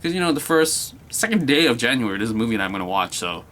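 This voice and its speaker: A man's voice: medium pitch, big pitch swings, fast talker, fairly bright tone, slight background noise. A young man giving a casual, enthusiastic movie review, rambling and repeating himself with many filler words.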